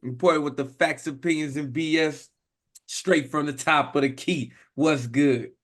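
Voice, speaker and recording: A hoarse man co-hosting a sports podcast, talking in a loose, slangy and emphatic way. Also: fairly high pitch, steady tone, unhurried. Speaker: podcast co-host. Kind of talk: casual sports chat.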